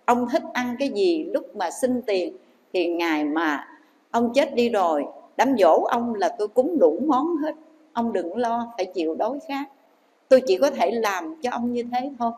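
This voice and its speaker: A woman voicing a tearful, loyal third wife speaking softly and earnestly. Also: a little high, animated, normal speed, big-room sound, natural voice, rough recording.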